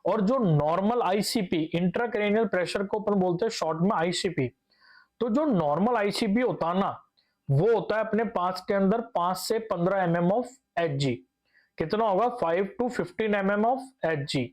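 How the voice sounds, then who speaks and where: This is a young male nursing teacher with a high voice. He lectures patiently, asks the class questions and answers them himself, and repeats each key term a few times. He drops English medical words into his speech. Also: normal speed.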